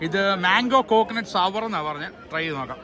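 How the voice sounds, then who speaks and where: A man from India with a Malayali accent, vlogging casually in an excitable, slangy mix of Malayalam and English. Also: sits high, quick pace, background noise. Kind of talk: casual vlog chat. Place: outdoor festival grounds, later inside a car. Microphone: phone at arm's length. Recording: busy outdoor festival crowd and music.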